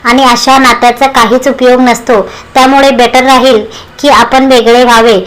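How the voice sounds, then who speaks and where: A woman voicing a sharp-tongued, stubborn young wife in a story reading. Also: a little high, little pitch movement, moderate pace, close to an everyday voice, low-quality recording. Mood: furious. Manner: angry and cutting.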